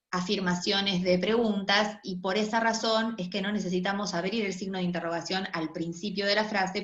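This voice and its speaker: A woman lecturer explains linguistics in a recorded online class, often checking in with her listeners. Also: on the low side. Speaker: university lecturer. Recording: echoey room, dull lo-fi sound.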